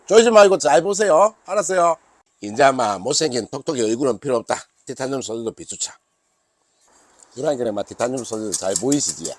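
A man's voice: mid-range voice, lively intonation, a little fast, no echo. A man in his sixties with a Gyeongsang accent, a rod maker chatting to camera about his product, joking and calling himself by his nickname. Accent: Gyeongsang Korean. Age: 60s. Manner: jokey, calls himself by nickname, bantering with himself. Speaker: fishing rod maker and seller. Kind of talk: casual product talk to camera.

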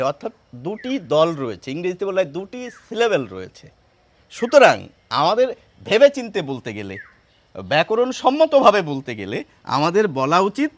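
A man giving a patient grammar lesson, asking and answering his own questions and repeating key points. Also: sits high. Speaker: Bengali grammar teacher.

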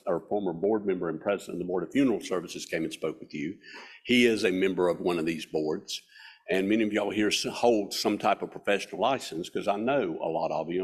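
Low, husky Southern Appalachian man. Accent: Southern Appalachian mountain. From Southern US mountains. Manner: folksy, self-deprecating. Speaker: guest speaker. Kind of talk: informal club speech. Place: hall stage at a podium. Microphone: podium microphone.

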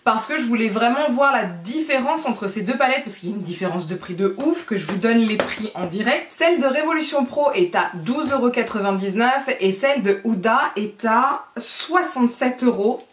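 A woman's voice: a little high, animated, normal speed, few pauses, a little hiss or hum. Chatty woman vlogger in an echoey room. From France. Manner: chatty, explains as she works, frequent fillers. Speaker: beauty vlogger. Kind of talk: casual makeup tutorial chat.

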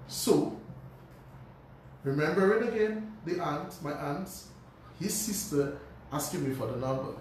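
Man, higher-pitched, storytelling radio guest, very echoey room, heard from off-mic. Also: measured pace, long pauses, distant mic, slight background noise. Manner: animated storyteller, frequent restarts and repeated words. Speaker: guest, pharmacist. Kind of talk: personal storytelling in a radio interview.

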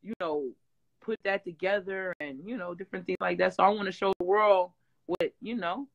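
An interview guest from Detroit who used to sing on a reality show, a rough-voiced woman chats casually over video from a home room backed by a green wall. Her pitch is medium and her pace moderate as she narrates animatedly, getting loud at times and laughing. The recording sounds muffled.

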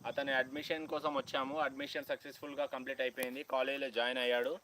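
A young man from Telangana with a Telangana Telugu accent, chatting loudly with viewers on a phone live stream outdoors on a college campus, half-shouting and greeting people by name. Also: medium pitch, flat delivery, very fast, slight background noise, low-quality recording. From Telangana, India. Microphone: phone held at hand, no external mic.

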